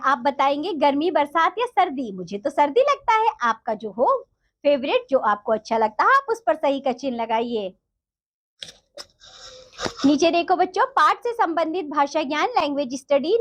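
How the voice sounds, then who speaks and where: Woman teacher, high lively pitch, patient and repetitive while walking kids through a workbook. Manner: explains slowly and repeats answers to children. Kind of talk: textbook lesson for children.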